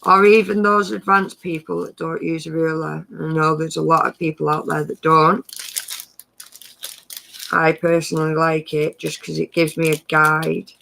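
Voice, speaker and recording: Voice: medium pitch, creaky, sharp tone, a little hiss or hum, rough recording. A craft live-streamer giving a casual tutorial, chatty and rambling, often correcting themselves while handing out friendly practical tips.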